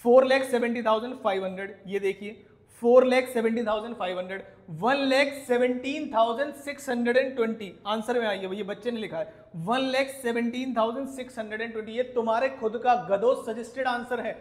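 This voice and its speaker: In an echoey room, an Indian man who teaches delivers a fast, indignant rant to viewers. His pitch is extremely high, and he scolds emphatically while posing rhetorical questions.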